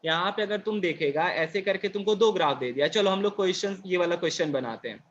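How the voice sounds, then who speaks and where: A man's voice: high-pitched, lo-fi sound, slight background noise. A male physics teacher lecturing a class, explaining and then asking and answering his own questions. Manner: reads English definitions slowly, word by word.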